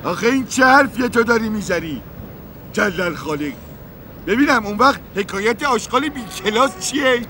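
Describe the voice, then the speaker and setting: A bewildered taxi driver who keeps asking baffled questions. His voice is high and sharp, and he is quick to take offense. The tone is comic and sitcom-like. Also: expressive, a little hiss or hum. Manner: puzzled, keeps asking "huh?". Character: baffled male taxi driver, easily riled. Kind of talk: comic puppet-show acting.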